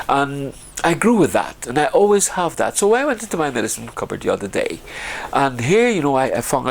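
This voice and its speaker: A man's voice: mid-range voice, vocal fry. A man from Guyana chatting casually and ramblingly about his home remedies, with frequent restarts and laughs. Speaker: vlogger.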